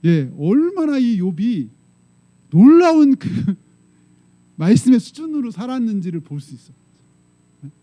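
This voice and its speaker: A male pastor preaching a sermon in a conversational style, often pausing to prompt the congregation with short questions. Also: extremely high pitch, sing-song, mellow, poor audio. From South Korea.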